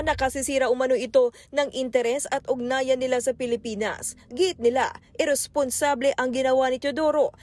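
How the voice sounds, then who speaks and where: Female news reporter, high voice, steady formal read over faint music.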